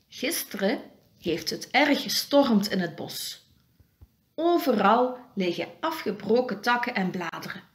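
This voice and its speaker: A woman reads a children's picture book aloud, in an expressive and animated way. Her voice is fairly high and swings widely in pitch. She takes her time, reading slowly. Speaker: children's story reader.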